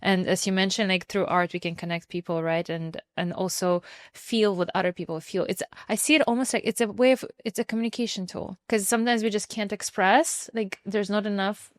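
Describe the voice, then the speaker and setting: A woman's voice: mid-range voice, fairly even intonation, fairly quick, few pauses, no room sound. Chatty woman podcast host, dry sound. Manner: enthusiastic, chatty, heavy use of "like". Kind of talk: podcast interview. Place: podcast recording before a live audience.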